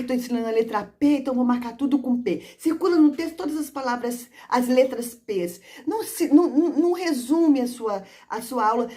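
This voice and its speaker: A woman's voice: fairly high pitch, darkish tone. A woman literacy teacher giving practical tips to other teachers, acting out classroom prompts as she explains. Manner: demonstrative, sings and acts out classroom prompts; addresses listeners as "gente".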